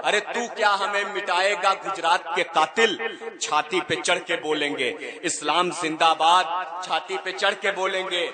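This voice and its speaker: A man, a poet reciting verse at a live mushaira, declaiming and building to shouts. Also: high-pitched, fairly even intonation, unhurried. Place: outdoor stage before a crowd. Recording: crowd noise at a live event. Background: cheering crowd.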